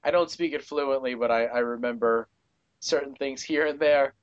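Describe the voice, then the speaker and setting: A man's voice: mid-range voice, moderate pace, no room sound, lo-fi sound. A man from Long Island hosting a podcast, telling a story in an easygoing way and laughing at himself. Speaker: podcast host. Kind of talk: casual storytelling.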